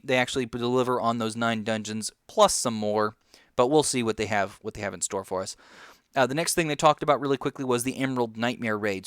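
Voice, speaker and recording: A man talks through a game announcement in a loose, rambling way, stopping for plenty of ums and uhs. His voice sounds smooth and resonant. The recording is dry and close, with no room sound. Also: mid-range voice, fairly bright tone, no room sound. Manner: rambling, lots of ums and uhs, chewing gum. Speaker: gaming commentator. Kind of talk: casual video game commentary.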